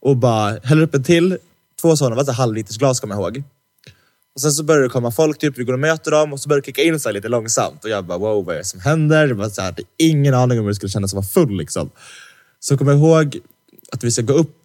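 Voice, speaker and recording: A young male podcast co-host with a medium-pitched voice tells stories in a casual chat recorded on a studio mic. He's lively and jokey, acting out quoted dialogue, teasing, and leaning on heavy slang fillers.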